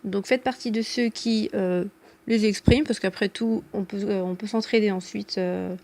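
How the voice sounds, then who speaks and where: A woman's voice: medium pitch, steady tone, normal speed, a little mellow. A woman giving a casual video lesson as a language teacher, chatty and self-deprecating, with frequent hesitations and an encouraging tone. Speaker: Arabic teacher.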